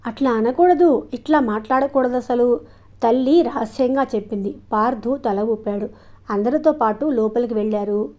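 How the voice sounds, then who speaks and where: A woman narrating a novel aloud as an audiobook, in steady, even storytelling. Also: fairly high pitch. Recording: dull lo-fi home recording.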